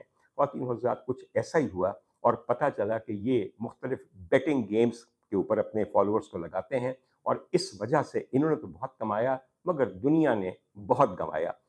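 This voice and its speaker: This talk show host, who has a Pakistani accent, speaks in a mid-range, slightly mellow voice with a breathy edge. His formal monologue to camera airs opinions on social issues through rhetorical questions and insistent repetition.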